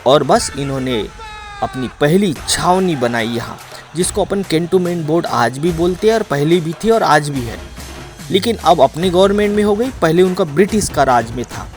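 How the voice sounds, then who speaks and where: A man tells the story of a dangerous trek in a dramatic voice-over, repeating key points for emphasis. His voice sits a little high for a man. Soft music plays under the narration. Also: expressive, normal speed. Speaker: travel vlogger narrating.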